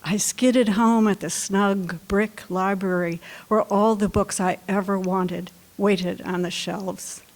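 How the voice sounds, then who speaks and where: Speaking at a medium pitch with a steady tone, a woman poet presents her own work at a library event room. She introduces and reads each poem in a light voice, taking her time and choosing her words deliberately.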